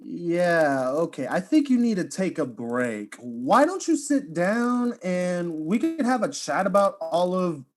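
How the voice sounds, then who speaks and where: A man's voice: high voice, very animated, unhurried, few pauses. An actor playing a laid-back young male video streamer in a student audio drama, talking in casual slang.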